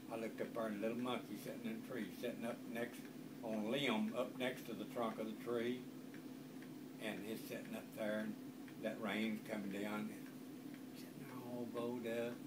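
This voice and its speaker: An older man with a rural Southern American accent and a folksy grandpa voice, spinning an informal, rambling country yarn. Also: fairly low pitch. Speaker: grandfather telling family stories. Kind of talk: informal oral storytelling. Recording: distant microphone, loud background noise.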